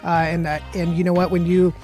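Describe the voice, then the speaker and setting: A man's voice: sits high, flat delivery, fast, a little mellow, soft background music. A man hosting a casual interview podcast, friendly and filling his talk with frequent "uh"s. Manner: friendly, filler-heavy with frequent "uh". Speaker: podcast host.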